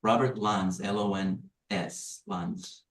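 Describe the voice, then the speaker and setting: A man's voice: on the low side, steady tone, takes it slowly, creaky. A man working as a court clerk, handling hearing logistics in a courtroom, heard at a distance with room echo. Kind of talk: courtroom housekeeping and oath. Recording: echoey, distant from the mic.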